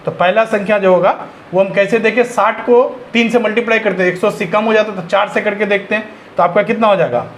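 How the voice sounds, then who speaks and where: Man, higher-pitched, teaching an exam-prep maths lesson. Faint background hiss. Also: steady tone, fast. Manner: works through sums step by step, asks and answers himself.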